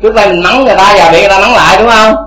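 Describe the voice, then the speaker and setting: A man's voice: high-pitched, racing, pushed and bright, echoey room, soft background music, poor audio. A man teaching Buddhist dharma to a congregation, asking rhetorical questions again and again.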